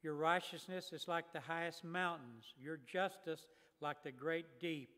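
A man reading scripture aloud in a measured, solemn way from a lectern microphone in a church sanctuary. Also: on the high side, fairly even intonation, sharp tone. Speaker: scripture reader. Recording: long church reverb.

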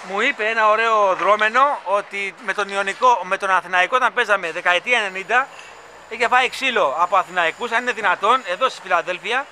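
Chatty man vlogging outdoors, site noise. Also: sits high. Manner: chatty, rambling, enthusiastic fan talk. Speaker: vlogger filming a stadium construction site. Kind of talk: casual on-site vlog narration. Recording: loud construction site noise.

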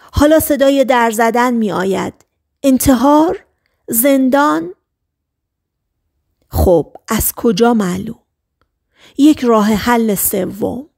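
A woman reads an audiobook in the first person, with steady, measured scripted narration. Her voice sits fairly high. The reading is even and unhurried.

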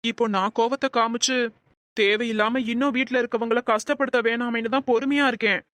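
A woman voicing a remorseful young husband in an animated cartoon, talking in an earnest, pleading way. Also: a little high, brisk, no room sound, natural voice.

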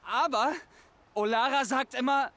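A man's voice: very high voice, fairly even intonation, fairly bright tone, full character voice. Haunted, frantic young tribesman. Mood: troubled. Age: young adult. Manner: pleading, halting, repeats himself. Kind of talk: video game dialogue.

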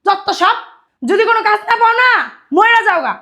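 A woman's voice: moderate pace, pushed and bright, full character voice. An actress playing a fed-up young wife who scolds her jobless husband. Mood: exasperated. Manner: shrill, exasperated scolding.

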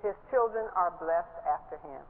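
An older woman preaching a sermon from a church stage, lively and laughing as she stresses her points. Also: moderate pace. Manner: animated, laughing, rising pitch when stressing points. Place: large church stage, indoors. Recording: tinny phone-like broadcast sound with faint hiss.

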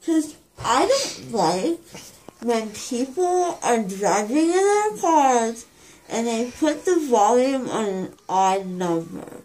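A dazed woman in her twenties rambles groggily in a rather high voice. She talks slowly and casually, as if still coming round from anesthesia. The phone recording has some background noise. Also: very animated, a little mellow, low-quality recording. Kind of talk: casual chat. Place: small indoor room, lying on a pillow. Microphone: phone held near, off the speaker.

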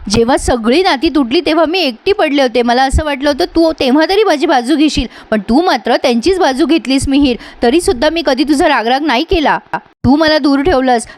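A woman's voice: high-pitched, no room sound, close to an everyday voice. Woman retelling as a pleading estranged sister. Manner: emotional, pleading, reproachful. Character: pleading estranged older sister of middle age.

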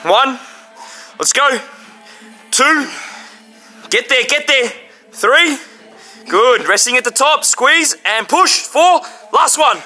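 A young man in a gym counting workout reps and urging a lifter on with loud, commanding encouragement. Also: extremely high pitch, animated, slow, pauses often. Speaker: fitness trainer and training partner. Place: large gym, indoors. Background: music.

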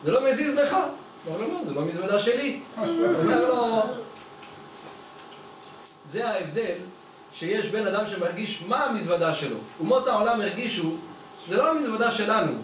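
A man's voice: high voice, expressive, pauses often, fairly bright tone. A man, a rabbi, giving a storytelling Torah lesson and acting out the dialogue in his stories. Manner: acts out dialogue in his stories with changing voices. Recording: echoey room, mic at a distance, faint background noise.

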